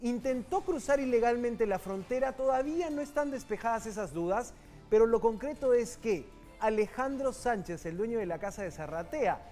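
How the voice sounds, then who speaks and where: A man from Peru anchoring a live news show, talking briskly and conversationally, speaking straight to the viewer. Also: extremely high pitch, animated, warm tone, soft background music.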